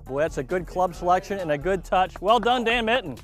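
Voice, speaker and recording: A man's voice: sits high, lively intonation, fairly quick, soft background music. A man giving live golf commentary, cheering players on with encouraging praise. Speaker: golf commentator and short game instructor.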